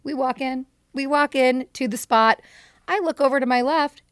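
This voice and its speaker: A woman's voice: high-pitched, fairly even intonation, moderate pace, a bit bright, no echo, clean studio sound. A woman co-hosting a podcast, blunt and sarcastic, swearing freely as she tells a story. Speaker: podcast co-host. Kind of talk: casual storytelling chat.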